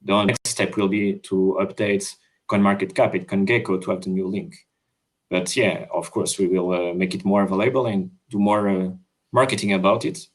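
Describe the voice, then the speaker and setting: A man's voice: sits low, little pitch movement, moderate pace. A man from Switzerland, a crypto developer, chatting on a video call in a hesitant way, with lots of fillers and restarts. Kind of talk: casual video call chat.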